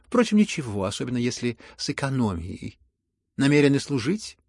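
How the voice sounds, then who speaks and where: A man reading an audiobook and voicing a proud, sharp young noblewoman with an imperious, teasing manner. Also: a little high, normal speed, creaky, husky, no echo, studio quality, pitched above the performer's own voice. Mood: mocking.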